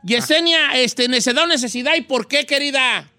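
A man's voice: extremely high pitch, moderate pace, pushed and bright, no room sound, faint music behind, heavily acted. A man playing a talkative old male host of a radio call-in show, exclamatory, who stammers and repeats his words.

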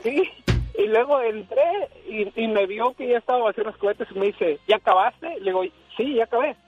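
A man tells his story on the radio in a fairly high, husky voice. The sound is dry and dull, like a lo-fi broadcast. He acts out the lines of the people in the story with energy. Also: fairly quick, dry recording, faint music behind. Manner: animated, acts out dialogue. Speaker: radio caller. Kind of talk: casual storytelling on air.

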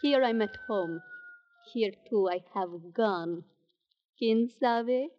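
A woman's voice: on the high side, slow. An actress playing a tough, distrustful young Mexican woman with a Mexican Spanish accent and broken English in a 1940s radio drama. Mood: guarded. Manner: blunt, guarded, broken English. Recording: dull lo-fi old radio broadcast.

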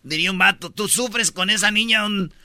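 Un hombre con acento mexicano que conduce un programa de charla con noticias en broma, contando historias con mucha jerga y haciendo las voces de los personajes. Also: male voice, high voice, normal speed, no echo. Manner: animated storyteller, slangy, acts out characters. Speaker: host. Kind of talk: casual comedic news chat.

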